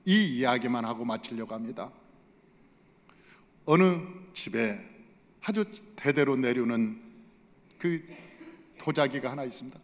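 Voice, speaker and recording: A male pastor preaching a Sunday sermon, pressing the congregation with rhetorical questions. His voice is high and bright, with an emphatic, ringing delivery. The sanctuary adds a long reverb tail. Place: church sanctuary.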